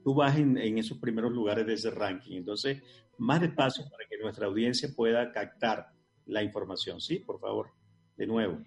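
A Venezuelan man hosting an interview and asking measured, courteous questions. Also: on the low side, creaky, soft background music. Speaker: host.

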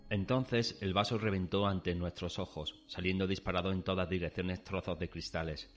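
A man from Spain narrating a first-person horror story in a measured, solemn way. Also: deep voice, fairly even intonation. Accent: Spanish from Spain. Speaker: narrator and protagonist. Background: faint background music.

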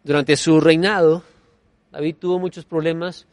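A man preaching a sermon, emphatic, swinging between soft and loud and repeating key phrases as refrains. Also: fairly high pitch, fairly even intonation, normal speed, no echo. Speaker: pastor.

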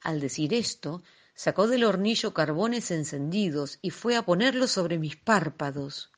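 Woman with a low voice reading a classic tale. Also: lively intonation, a little slow. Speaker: reader.

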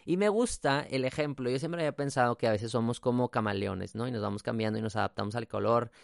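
A man's voice: mid-range voice, fast talker, gravelly, dry recording, studio quality. A man with a Mexican accent hosting a podcast, talking in a casual, reflective monologue, slipping in English phrases and tag questions. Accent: Mexican Spanish. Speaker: podcast host.

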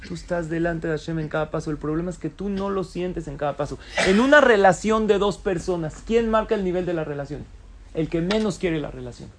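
A rabbi gives a Torah lecture in a slightly high, brisk voice, with background noise present. He poses rhetorical questions to his audience and answers them himself.

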